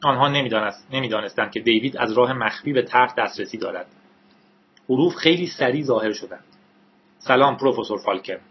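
Husky male storybook narrator. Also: mid-range voice, lo-fi sound.

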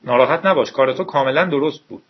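A man voicing a shy, awkward teenage boy in a quiet, hesitant way, close to his own husky voice. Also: medium pitch, lightly acted. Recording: dull lo-fi recording.

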